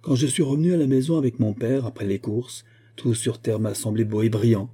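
A man's voice: fairly even intonation, brisk, warm tone, breathy edge, close to an everyday voice. A man voicing a melancholy young bride speaking wistfully in a storybook reading. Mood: wistful sad. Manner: wistful, melancholy, raised pitch. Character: young anxious bride on wedding morning.

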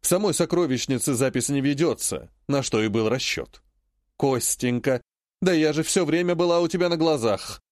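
A man reads an audiobook, taking on the role of a shrewd, indignant old woman, a great-grandmother and healer given to dramatic laments. His medium-pitched voice is expressive and darkish, close to an everyday voice, at a normal speed, recorded in studio quality with no room sound.

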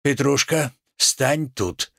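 A man's voice: medium pitch, takes it slowly, creaky, a bit bright, no echo, studio quality, heavily acted. A man playing a sly stubborn merchant. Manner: deferential yet sly, homespun speech. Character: shrewd, stubborn middle-aged merchant, man.

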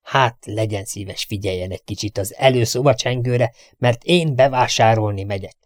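A man's voice: lowish voice, no room sound, clean studio sound, close to an everyday voice. A man voicing a strict, nagging older housekeeper who scolds her absent-minded employer. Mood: scolding. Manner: scolding, prim and indignant.

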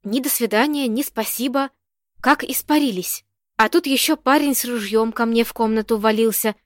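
A woman's voice: fairly high pitch, normal speed, no echo, lightly acted. A woman reading the lines of a fussy, talkative old landlady who chatters and frets, in a dry, close-sounding recording. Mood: fretful. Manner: chattering, fretful.

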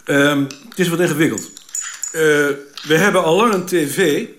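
A man's voice: fairly high pitch, moderate pace, a bit bright, slight background noise. A man narrating a radio drama and speaking as its lead character, in a wry, understated way.

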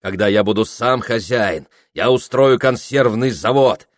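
A man's voice: medium pitch, a little slow, no room sound, studio quality, pitched above the performer's own voice, close to an everyday voice. A man voicing a boastful, ambitious young man. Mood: eager. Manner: eager, boastful, sometimes sulky. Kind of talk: audiobook character reading.

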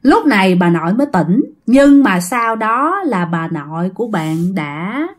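A woman's voice: mid-range voice, big pitch swings, unhurried. A woman casually telling a ghost story, chatty and addressing her listeners directly.

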